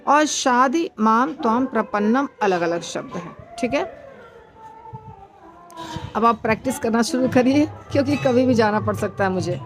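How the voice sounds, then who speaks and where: Slow, patient woman teaching recitation. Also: a little high, animated, music in the background. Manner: breaks words into syllables and repeats them slowly; patient, with frequent fillers and self-corrections. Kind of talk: slow explanatory lesson.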